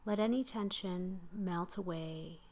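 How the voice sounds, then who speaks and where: A woman guiding a slow breathing meditation in a calm, soothing voice, often sinking into soft whispers. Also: fairly low pitch. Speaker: meditation guide.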